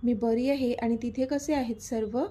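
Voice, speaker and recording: A woman voicing a middle-aged mother, soft-spoken, anxious yet stern. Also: a little high, steady tone, normal speed, lightly acted. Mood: polite.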